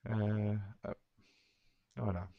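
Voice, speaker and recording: Low-voiced man, hesitant tutorial. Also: little pitch movement, very slow, creaky, smooth, no room sound, narrow, tinny audio. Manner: hesitant, many fillers and restarts. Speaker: tutorial maker. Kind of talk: screen-recorded software tutorial.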